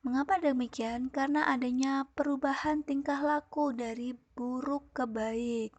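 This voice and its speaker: A young woman teaches children in an online lesson. She explains patiently and keeps checking that they understand. Her voice is high and a little husky, and the recording is dry and close. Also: steady tone, unhurried, dry recording. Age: young adult. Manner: explains patiently to pupils, asks them questions.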